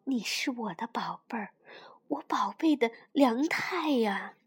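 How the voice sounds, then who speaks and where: A woman voicing a loving mother dinosaur who speaks softly in a near whisper. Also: fairly high pitch, expressive, measured pace, husky. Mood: tender.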